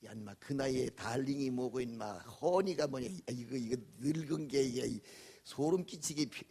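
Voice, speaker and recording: An older man preaching a revival sermon as pastor, folksy and joking, swinging from loud to whispered. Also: mid-range voice, normal speed, husky.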